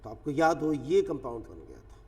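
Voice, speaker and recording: A man's voice: mid-range voice, sing-song, moderate pace. A man teaching chemistry in a lecture, explaining step by step with everyday examples. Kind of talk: classroom lecture. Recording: echoey classroom, voice from a distance.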